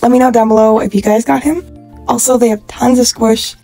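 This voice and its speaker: A woman's voice: a little high, a little fast, soft background music. Gushing young woman in a store. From California. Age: 20s. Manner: gushing, excitable, chatty. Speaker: vlogger. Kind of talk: casual shopping vlog narration. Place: in stores with background music, holding a phone. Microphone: phone camera.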